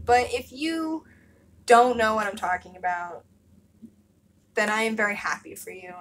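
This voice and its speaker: A woman's voice: a little high, a bit bright, a little hiss or hum, low-quality recording. A young woman speaking candidly in a casual vlog, emphatic and full of fillers and swearing. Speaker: vlogger.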